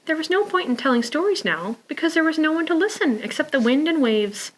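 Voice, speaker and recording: Reading picture books at preschool storytime, a children's librarian speaks in a high-pitched voice at a slightly fast pace. She keeps things simple for young children and lets out sighs, gasps and exclamations. A little hiss or hum is present.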